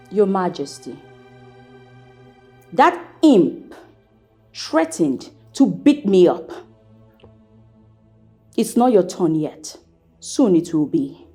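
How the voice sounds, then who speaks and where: A woman's voice: fairly low pitch, big pitch swings, extremely slow, long pauses, mellow, soft background music, full character voice. An actress playing a haughty, vengeful young royal woman in a film drama, imperious and indignant.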